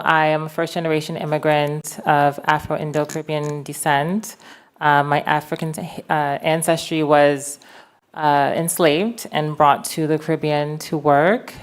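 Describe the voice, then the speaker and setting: Low, smooth-voiced woman contestant. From United States. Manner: measured, explanatory. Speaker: pageant contestant. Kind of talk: prepared stage speech.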